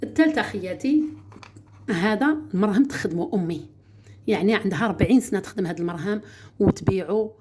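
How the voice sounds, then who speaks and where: A woman's voice: medium pitch, lively intonation, fast, pauses often, a little mellow, breathy edge. A woman with an Algerian Arabic accent, demonstrating a home remedy in a chatty, casual way and often addressing her viewers as sisters.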